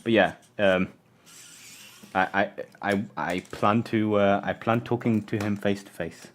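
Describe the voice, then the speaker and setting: Born in Poland and raised mostly in England, this electronics livestream host chats while taking apart an old camera, hesitating, restarting sentences, and murmuring to himself. His voice is fairly low and steady, at a measured pace.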